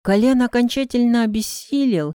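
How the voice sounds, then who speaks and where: A woman with a warm, mellow voice reads a detective story aloud in the first person, keeping a steady, measured storytelling pace. The recording is dry and close, with no room sound around her. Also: on the high side, clear, resonant tone, no room sound. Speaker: audiobook narrator. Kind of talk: first-person audiobook narration of a detective novel.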